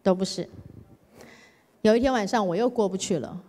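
A woman giving a sermon testimony, telling her story in a lively, dramatized way and acting out her own pleading. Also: mid-range voice, normal speed. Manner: animated storytelling, acts out her own whining. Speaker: guest preacher. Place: church sanctuary. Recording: church hall reverb.

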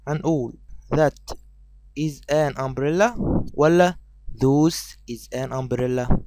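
A man's voice: on the high side, darkish tone, dry recording. A man with an Egyptian Arabic accent teaching English to young children in a recorded lesson. He explains patiently, stretches out the English words and quizzes his pupils.

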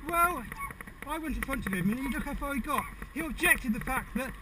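A man's voice: extremely high pitch, lively intonation, fairly quick. A man in a roadside confrontation, challenging and taunting, often repeating himself. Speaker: cyclist filming the argument. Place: outdoors on a busy road. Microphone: helmet action camera. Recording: noisy outdoor action-camera audio, slightly distant.

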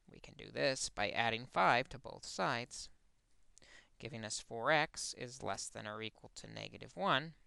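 Male math teacher, methodical explainer, resonant with some fry, dry close mic. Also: mid-range voice, sharp tone, no room sound. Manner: explains step by step, corrects his own slip. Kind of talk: recorded math lesson.

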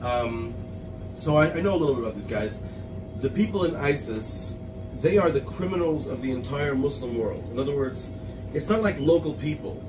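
A man in his thirties chatting with a customer in a small pizza shop, explaining things at length with lively gestures. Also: medium pitch, normal speed, noisy background. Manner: talkative, explains with hand gestures. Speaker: interviewer. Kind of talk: casual street conversation. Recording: roomy shop echo, distant mic, music behind.

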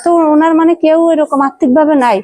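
A woman speaks gently and soothingly to a patient in a hospital ward, her voice set high. The sound is close and dry, with little room echo. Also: steady tone, fairly quick. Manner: gentle, soothing, repeats "mother" often. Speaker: visitor interviewing a patient. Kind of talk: charity visit interview.

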